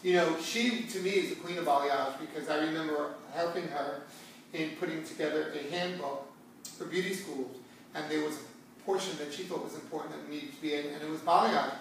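This middle-aged salon talk show host, who is a hair stylist, addresses viewers emphatically in a conversational, educational way, repeating phrases for emphasis. His voice is on the high side and a bit bright, brisk, with fairly even intonation. It's recorded by a distant camera in an echoey indoor salon seating area, with background hiss.

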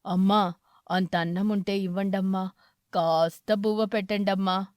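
A gentle old male eagle beggar from a cartoon story, with a deep, low voice, as a woman narrator puts him on. He speaks slowly and softly and pleads for food. The recording is dry and close. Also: fairly even intonation, smooth, no echo, close to an everyday voice. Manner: slow, soft-spoken and pleading.

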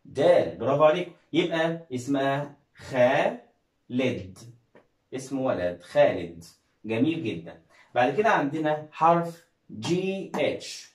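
A man's voice: medium pitch, sing-song, normal speed, roomy sound, low-quality recording. A man with an Egyptian Arabic accent teaching an English reading lesson, coaxing viewers with questions and praise. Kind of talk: classroom-style video lesson.

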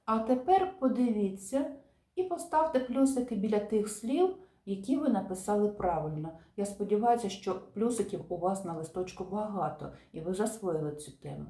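A woman teacher calmly explaining spelling rules to viewers, stressing each example word. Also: mid-range voice, moderate pace. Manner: calm, methodical, stresses example words. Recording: echoey room.

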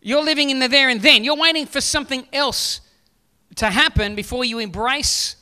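High, bright-voiced pastor preaching. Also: male voice, moderate pace, clean tone. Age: 40s. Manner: joking, conversational, then rising to preaching questions. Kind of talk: sermon. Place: church stage with seated audience. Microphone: handheld mic.

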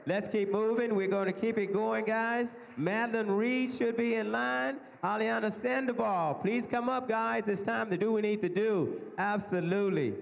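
A man with a Mississippi accent hosting a live awards event, exhorting people and repeating his phrases. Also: high voice. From Mississippi, United States. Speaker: host presenting awards. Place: large banquet hall with stage, indoors. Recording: echoey hall over PA system.

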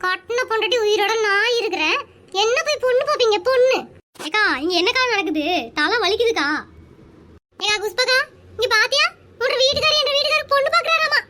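A woman voicing a shrill, nagging village housewife in a cartoon. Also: noisy background. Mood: scolding. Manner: shrill, nagging, quick to scold. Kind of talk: animated cartoon dialogue.

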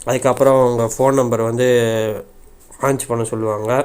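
His voice is medium-pitched, level and darkish, clear and resonant, moving along briskly as he casually demos a phone app. He's a tech YouTuber who rambles informally with repeated fillers, over faint background noise.

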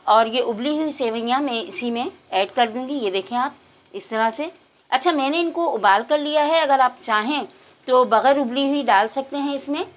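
A woman calmly talking viewers through a home recipe, step by step, as the host of a cooking channel. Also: high-pitched, moderate pace. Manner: calm, instructive, addresses viewers directly.

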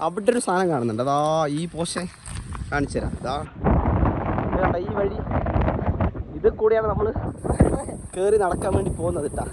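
A man's voice: high-pitched, normal speed, long pauses. A Malayali man doing casual walking commentary for a vlog outdoors, mixing English slang into his Malayalam, with heavy noise. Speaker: vlogger. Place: outdoors on a muddy, rainy trail. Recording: very noisy, windy outdoor recording.

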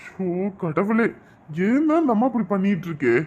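Brief: actor for a torn, devoted husband in a family drama; animated, slightly high voice, reassuring and exasperated. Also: male voice, moderate pace, highs cut off. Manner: pleading, reassuring, then grumbling to himself. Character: devoted young husband caught between wife and mother. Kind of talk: melodramatic web-series acting.

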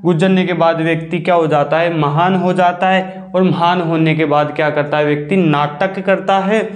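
Male teacher, high-pitched, quizzes and answers himself in a classroom lesson, recorded in an echoey room. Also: fairly even intonation. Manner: repeats questions and answers them himself, drawn-out key words.

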